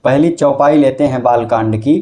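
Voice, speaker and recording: A man explaining step by step how to recite devotional verses in a casual teaching style, breaking into slow melodic chanting. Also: mid-range voice, mellow.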